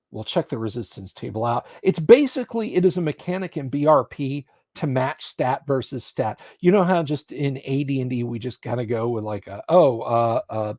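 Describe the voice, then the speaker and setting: A man with a mid-pitched voice acts as game master on a live stream. He reads scenario text aloud and comments on the rules, recorded close and very dry. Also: a little mellow, no room sound.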